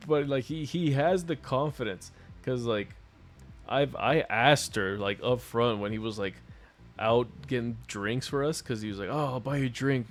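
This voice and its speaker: A man's voice: medium pitch, a little slow, soft background music. A man streaming a video game, telling a long story in a casual, profane, rambling way and laughing often. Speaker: gaming streamer.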